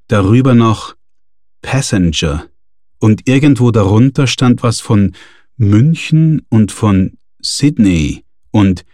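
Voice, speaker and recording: Slow, dry-voiced male audiobook narrator. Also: mid-range voice, mellow, no room sound.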